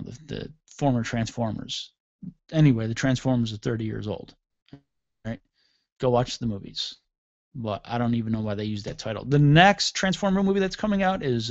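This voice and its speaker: A man's voice: mid-range voice, dry recording, dull audio. A middle-aged man hosting a radio show, delivering a sarcastic, mocking comedic rant on his own.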